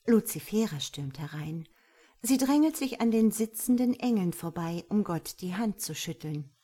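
A woman narrating a story aloud in a calm, even reading voice. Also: medium pitch, normal speed, breathy edge.

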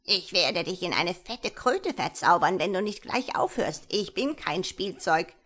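A woman's voice: lowish voice, lively intonation, slow, slightly rough, heavily acted. A woman voicing a finger-sized, grumpy male wizard who scolds crossly. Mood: scolding.

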